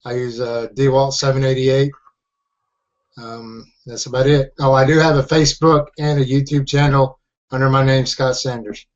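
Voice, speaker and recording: Flat-voiced man from Oklahoma. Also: medium pitch, normal speed. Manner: brief and matter-of-fact. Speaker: guest. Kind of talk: casual self-introduction. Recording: distant, muffled video call audio.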